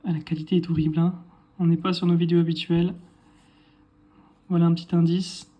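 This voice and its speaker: Male collector, casual unboxing talk, warm mellow tone, thinks aloud. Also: on the high side, flat delivery, a little fast, dull audio. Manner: chatty, thinks aloud, corrects himself. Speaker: card collector showing a purchase.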